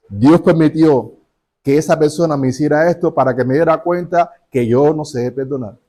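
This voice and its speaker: A man's voice: a little high, warm tone. A male pastor preaching a sermon, telling stories and asking the congregation rhetorical questions.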